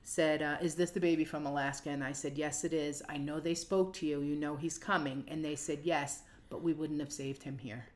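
Low-voiced woman recounting a hard time. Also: fairly even intonation, a little mellow. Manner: earnest, quick to jump in. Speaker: guest. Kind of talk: casual storytelling.

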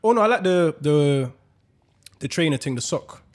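A man's voice: a little high, animated, moderate pace. A young man with a London accent, chatting casually in slangy roadman talk. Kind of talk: casual chat.

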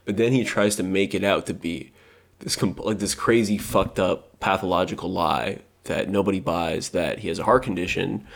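Gravelly-voiced man rambling through a story. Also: sits low. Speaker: podcast co-host. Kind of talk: casual chat.

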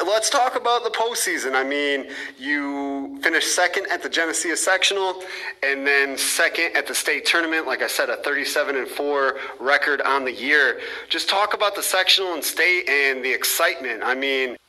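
Upbeat male podcast host, bright voice. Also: a little high, normal speed, rough recording. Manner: upbeat, repeats "awesome" and "perfect". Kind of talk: casual interview.

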